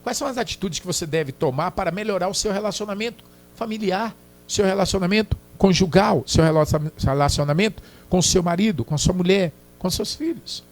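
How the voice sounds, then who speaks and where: A man's voice: high voice, fairly quick. A man preaching a sermon as pastor, emphatic and repetitive, often checking that listeners follow. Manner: emphatic, repetitive, keeps asking "Entendeu?".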